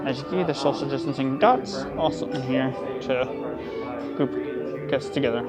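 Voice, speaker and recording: A man's voice: medium pitch, normal speed. A man narrating a casual walk-around theme park vlog. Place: theme park, rides and queues. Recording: music playing clearly in background.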